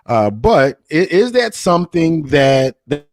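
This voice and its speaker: A man's voice: fairly high pitch, sing-song, a little slow, dry recording, studio quality. A man with an American accent hosting a casual discussion, rambling and repeating phrases as he frames questions. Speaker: podcast host.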